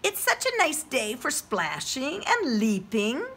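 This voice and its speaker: Kind mama frog read by a lady, soothing, bright storybook voice. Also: high-pitched, huge pitch swings, slow, husky, voice pushed up, exaggerated voice. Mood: cheerful. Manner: soothing, motherly. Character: gentle caring mother frog.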